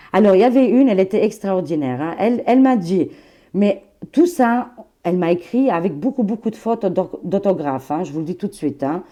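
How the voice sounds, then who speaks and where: A chatty woman in her forties with an Albanian accent, a tarot reader who hosts her own channel, rambles casually with viewers she treats as friends. Her voice is a bit low and mellow, and she laughs often, piling on asides and fillers.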